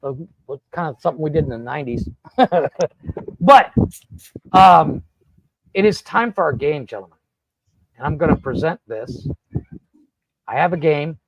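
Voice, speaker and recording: A man hosting a casual podcast, telling rambling, profane stories in an animated way. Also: a little high, measured pace, long pauses, husky, no echo, poor audio. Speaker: podcast host. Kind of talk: casual storytelling chat. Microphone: podcast studio mic.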